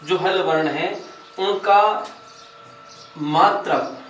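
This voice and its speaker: A man's voice: on the high side, extremely slow, fairly bright tone, a little hiss or hum. A man teaching a Sanskrit grammar lesson for exam preparation, explaining step by step, repeating key phrases and asking rhetorical questions. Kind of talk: exam-prep lecture. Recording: echoey room, mic at a distance.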